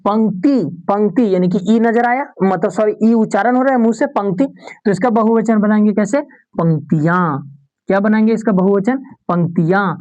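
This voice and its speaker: Woman teaching grammar slowly, dull lo-fi sound. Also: medium pitch, dark tone. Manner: repeats example words slowly, asks and answers own questions. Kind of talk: exam-prep classroom lesson.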